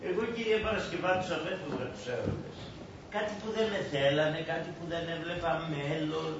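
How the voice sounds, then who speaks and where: A man with a high voice pleads and presses, wheedling to get his way. The recording is an old, dull film track, noisy and echoing, taken from far away. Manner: wheedling and pushy, presses for what he wants. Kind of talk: old Greek film acting.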